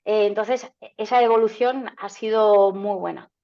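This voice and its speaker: A woman's voice: mid-range voice, fairly even intonation, a little slow, warm tone. Woman, agency founder, from Canada, casual interview talk, lots of fillers, slightly muffled audio. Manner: chatty, many fillers and restarts. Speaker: marketing agency founder, guest. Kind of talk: conversational interview answers. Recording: slightly dull lo-fi sound.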